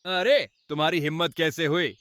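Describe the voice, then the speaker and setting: A man's voice: fairly high pitch, normal speed, fairly bright tone, dry recording, natural voice. A man doing a proud hot-tempered cartoon deer. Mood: angry. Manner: angry, suspicious.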